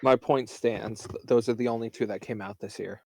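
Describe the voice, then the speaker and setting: A man's voice: mid-range voice, steady tone, normal speed, darkish tone, no room sound. A young man co-hosting a podcast, chatting casually with dry, laid-back quips. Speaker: podcast co-host. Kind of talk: casual chat.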